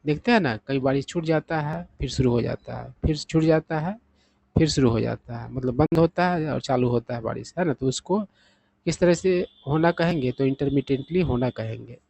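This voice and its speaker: A man teaching English vocabulary in Hindi, explaining each word step by step and reading the example sentences slowly. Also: medium pitch, vocal fry, no echo, low-quality recording. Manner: steady explaining, often adding "thik hai na?".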